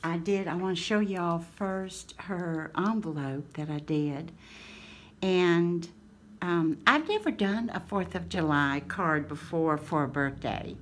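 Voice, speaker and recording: Slow-talking woman. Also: lowish voice, lively intonation, a little hiss or hum. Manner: folksy and affectionate, slow drawl. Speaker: craft channel host. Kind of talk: casual chat to camera.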